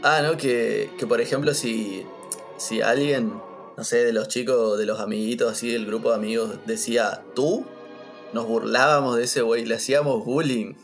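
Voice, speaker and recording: Man, Argentine accent, guest, casual chat, relaxed storytelling, faint music. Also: medium pitch, normal speed. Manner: relaxed storytelling, uses boludo and vos. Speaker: podcast guest.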